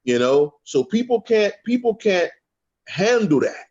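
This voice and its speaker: Slow, profane man talking spirituality casually, constant "okay?" check-ins; muffled low-fi audio. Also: big pitch swings, a little mellow, breathy edge. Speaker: guest speaker on a spiritual panel.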